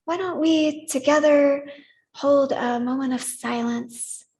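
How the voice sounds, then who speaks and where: A woman leading a congregation in worship, gently inviting them to repeat words back to her. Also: sits high, vocal fry, rough recording. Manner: gentle, inviting, leads call-and-response. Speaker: service leader. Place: church sanctuary.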